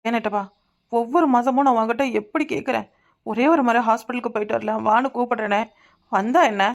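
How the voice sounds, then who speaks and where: A woman voicing a sulky, sharp-tongued young village wife in a cartoon, with a Kanyakumari Tamil accent. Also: on the high side, steady tone, fast talker, gravelly. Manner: sulky, retorting.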